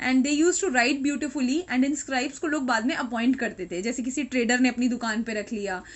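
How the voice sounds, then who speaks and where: A woman's voice: high voice, moderate pace. A woman with an Indian accent giving a history lecture to students, switching between Hindi and English and often checking in with "right?". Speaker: teacher. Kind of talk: classroom lecture.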